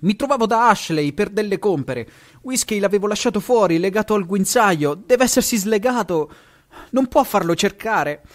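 A man reading a story aloud, voicing a distraught, indignant older lady with shrill outbursts. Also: expressive, moderate pace.

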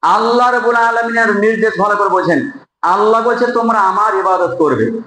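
A man preaching a Friday sermon to a congregation in a mosque, speaking emphatically, asking rhetorical questions and chanting verses in a drawn-out way. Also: high-pitched, sharp tone, a little hiss or hum. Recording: echoey hall.

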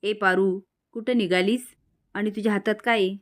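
A woman's voice: mid-range voice, fairly even intonation, normal speed, lightly acted. A woman voicing a scheming middle-aged woman who sweet-talks and coaxes the family. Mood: sugary.

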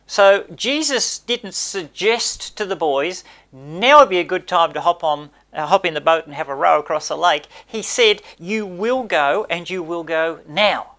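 An older pastor delivers a sermon in a small church, speaking to a camera. He preaches emphatically and gestures a lot, rising on key words and sinking his voice low at the close of each point. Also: unhurried, hardly any pauses, bright, forceful tone. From Australia. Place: small indoor church space by a brick wall.

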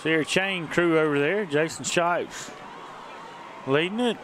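A man's voice: fairly high pitch, a little slow. A man as a football color commentator, chatting casually in a folksy, small-town way at an outdoor game. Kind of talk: casual chat during football broadcast. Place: outdoors at a high school football field. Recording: noisy outdoor stadium ambience.

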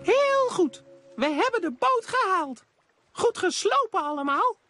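A performer voicing a cheerful male cartoon mouse who encourages young viewers in a bright, sing-song way. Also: very high-pitched, sing-song, unhurried, exaggerated voice. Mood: encouraging. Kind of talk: cartoon dub voice acting. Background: music.

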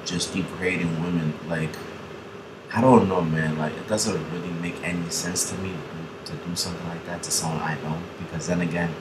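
A man's voice: low voice, echoey room, background noise. A young man hosting a casual reaction video. He rambles, swears freely and laughs often.

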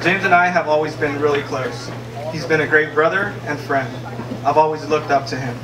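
A man's voice: a little high, moderate pace, recorded from a distance. A young man giving a best man's toast, reading from a page into a handheld microphone, a little nervous and laughing at his own jokes. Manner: nervous, laughs between lines. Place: large wedding tent, indoors. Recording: echoey room, mic heard from afar, crowd noise.

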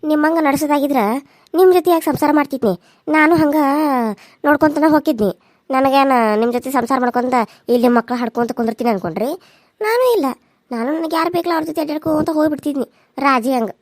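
Cartoon: woman doing a very high-pitched, scheming young daughter-in-law, dry close sound. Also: fast talker, dry recording, natural voice. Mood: defiant. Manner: sharp-tongued, sulky and defiant. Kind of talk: cartoon serial voice acting.

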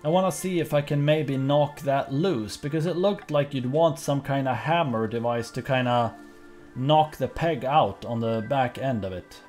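A man's voice: mid-range voice, normal speed, a little mellow, soft background music. A man casually narrating a video game playthrough, reading dialogue aloud in a playful, chatty way and laughing often. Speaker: gaming YouTuber.

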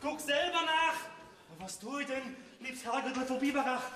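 An actor with a Swabian accent playing an excitable, jealous man in a stage folk comedy. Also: very high-pitched, moderate pace. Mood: raging. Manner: agitated, ranting, theatrical outbursts. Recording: roomy stage sound from a distance.

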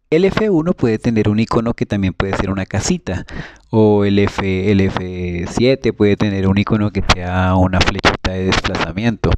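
A man with a somewhat low voice talks earnestly and casually to his viewers, rambling and restarting his words as he goes. The recording carries clear background noise throughout. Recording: noisy home recording.

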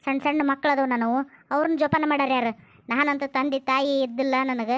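A woman's voice: high-pitched, steady tone, fairly quick. A woman playing a scolding North Karnataka village wife. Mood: pleading. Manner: sharp scolding, turns tearful and pleading. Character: quarrelsome village woman of the house. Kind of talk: village comedy drama acting. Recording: dull lo-fi sound.

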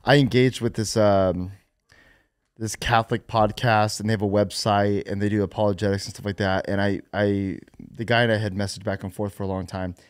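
A young man hosting a podcast in a studio, relaxed and conversational, asking questions and retelling exchanges. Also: fairly low pitch, fairly quick, clear, resonant tone, dry recording. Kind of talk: casual conversation. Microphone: studio boom mic with headphones.

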